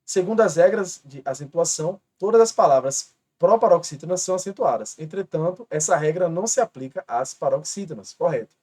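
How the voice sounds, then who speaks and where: A man's voice: on the high side, animated, fairly quick, hardly any pauses, a little mellow. A man with a Brazilian Portuguese accent teaching an online grammar lesson, patiently spelling out rules step by step. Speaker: exam-prep teacher.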